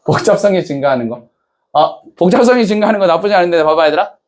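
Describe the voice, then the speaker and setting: A man with a fairly high voice lectures a class in a relaxed, chatty way. He keeps firing questions at the students and checking that they follow. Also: fast. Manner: casual banter-style speech to students. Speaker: English teacher.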